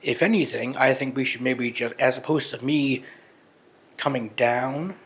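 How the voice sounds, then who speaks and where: A man's voice: medium pitch, a little slow, a bit bright, breathy edge. A man co-hosting a podcast in casual banter, rambling with lots of restarts. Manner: rambling, many restarts and fillers. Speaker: podcast co-host.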